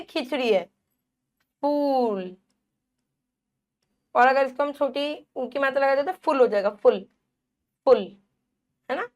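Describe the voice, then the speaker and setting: A woman teacher giving a Hindi phonics lesson to young children, repeating words and stretching the vowel sounds, asking questions and answering them herself. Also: sits high.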